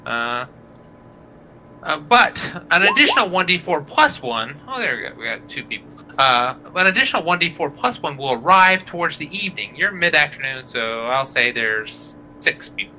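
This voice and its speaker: A man running a tabletop game on a live stream, his voice bright and cutting, with a lively, rising and falling pitch. He talks slowly and loosely, with many fillers. Faint room ambience sits behind him. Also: a little hiss or hum, poor audio. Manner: rambling, many fillers, voices innkeeper and villagers. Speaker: game master.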